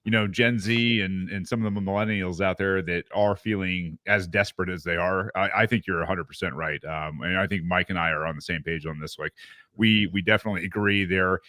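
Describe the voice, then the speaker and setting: A man with a very deep voice hosts a podcast interview. He asks long, meandering questions padded with fillers. The recording is dry, with no room sound. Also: fairly even intonation, fairly quick, pushed and bright, no room sound. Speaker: podcast host.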